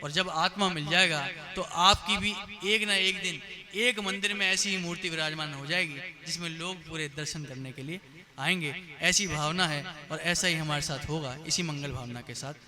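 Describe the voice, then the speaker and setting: A man giving a storytelling sermon as a pandit, acting out characters with sudden rises in pitch and loudness, recorded live in a temple hall. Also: moderate pace, crowd noise.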